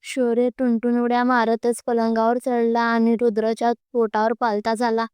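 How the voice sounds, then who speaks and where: A woman reads a story aloud in a plain, steady way, now and then stopping to restart a word. Her voice is clear and slightly high with little melody. The recording is close and dry. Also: normal speed, dry recording. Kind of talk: storybook narration.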